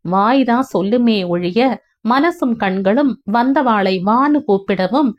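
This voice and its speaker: A woman's voice: mid-range voice, dull audio, close to an everyday voice. Soothing young husband in an audio novel, patient and explaining, read by a woman narrator. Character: gentle reassuring young husband.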